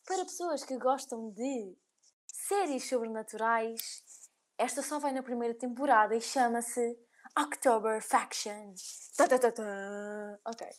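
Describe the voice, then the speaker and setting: A woman's voice: on the high side, measured pace. A young woman with a European Portuguese accent, co-hosting a podcast in casual, filler-heavy chat. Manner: chatty, laughs often, filler-heavy. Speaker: podcast co-host.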